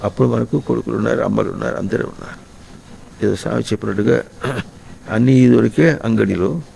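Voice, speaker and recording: A man giving a slow, reflective spiritual discourse to householders, often pausing to ask his listeners questions. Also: mid-range voice, creaky, a little mellow, a little hiss or hum, poor audio. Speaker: spiritual teacher.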